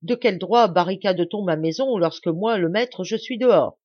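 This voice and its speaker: A woman's voice: fairly low pitch, animated, normal speed, breathy edge, dry recording, muffled recording. A woman reading a furious, menacing estate owner. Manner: shouting, menacing. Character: furious middle-aged man, proud estate owner.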